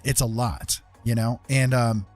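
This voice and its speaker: A middle-aged livestreamer hosting an art tutorial chats casually and self-deprecatingly to his live chat room, rambling in a conversational way. His medium-pitched voice is steady, unhurried and darkish, with faint music behind.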